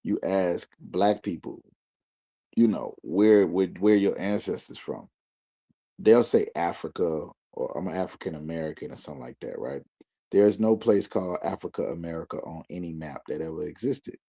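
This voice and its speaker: A man's voice: deep voice, normal speed, gravelly, warm tone, husky. A man speaking as a guest in loose slang, building his points like a preacher. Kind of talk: casual explaining. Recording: dull lo-fi recording.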